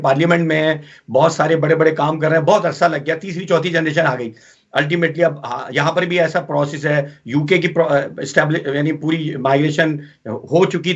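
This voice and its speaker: A male host with a fairly high voice who keeps affirming his guests and builds long, hesitant questions full of fillers. The recording sounds a bit dull and muffled. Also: fairly bright tone. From Pakistan. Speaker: interviewer host. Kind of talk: interview questions.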